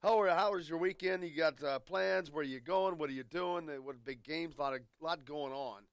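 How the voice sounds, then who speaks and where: Argumentative sports radio host with a cold. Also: male voice, fairly high pitch, moderate pace, smooth, no echo. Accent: American Midwest. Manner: animated, argumentative, jokey. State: has a cold. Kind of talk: casual sports talk radio banter.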